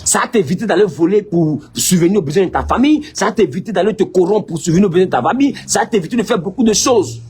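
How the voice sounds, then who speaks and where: A male pastor with an Ivorian French accent, preaching a lively sermon and teasingly scolding his listeners. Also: high-pitched, fast talker, hardly any pauses, slight background noise.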